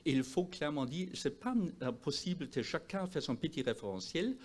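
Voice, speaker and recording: A man with a foreign accent, a non-native speaker of French, giving a presentation as a doctor, emphatic and sometimes halting as he searches for words. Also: a little high, expressive. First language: not French. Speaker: doctor presenting at a health conference. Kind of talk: presentation to an audience.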